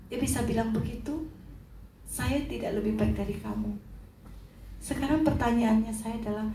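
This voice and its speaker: High-voiced woman telling a sermon story. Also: slight background noise. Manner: animated, acts out the characters, asks the audience questions. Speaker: seminar speaker. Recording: echoey hall from far off.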